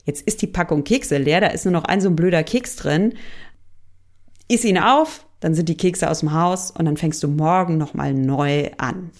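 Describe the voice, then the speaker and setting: A woman's voice: deep voice, moderate pace, a little mellow, pitched below the performer's own voice, natural voice. A woman putting on a coaxing inner voice. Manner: soothing, cajoling.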